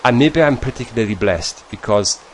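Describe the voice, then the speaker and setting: A man's voice: medium pitch, lively intonation, fairly quick, slight background noise, poor audio. A British man answering viewer questions in a casual vlog, in a rambling, self-deprecating and chatty way. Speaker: YouTuber.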